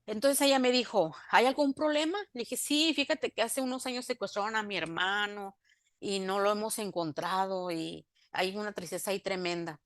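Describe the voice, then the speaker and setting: A woman's voice: medium pitch, normal speed, dry recording, studio quality. A woman, giving a faith testimony in an interview, telling her story by acting out both sides of the remembered conversations and turning emphatic when she preaches.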